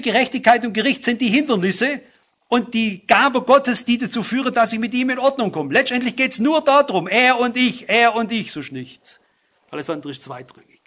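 A man's voice: extremely high pitch, pushed and bright. A man preaching a sermon, earnest and emphatic, speaking straight to his listeners.

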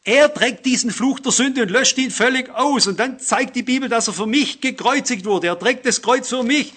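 A man's voice: very high voice, moderate pace, a bit bright, breathy edge. A man preaching a sermon, earnest and emphatic, speaking straight to his listeners.

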